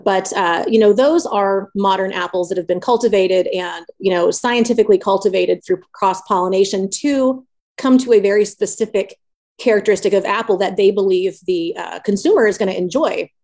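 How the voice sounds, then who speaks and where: Female interview guest, mid-pitched, conversational explainer with a folksy, meandering delivery. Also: normal speed, darkish tone. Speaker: podcast guest, orchard teacher.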